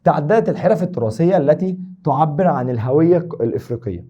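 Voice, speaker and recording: A man's voice: fairly high pitch, expressive, fast, warm tone, muffled recording. A man with an Egyptian Arabic accent teaching an exam review lesson, joking and teasing his students as he explains.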